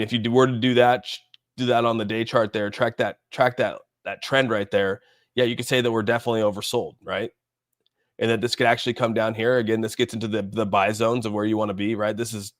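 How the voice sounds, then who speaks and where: In dry, clean studio sound, a man with a fairly low voice hosts a casual livestream, musing aloud on crypto markets and replying to viewers in a rambling way.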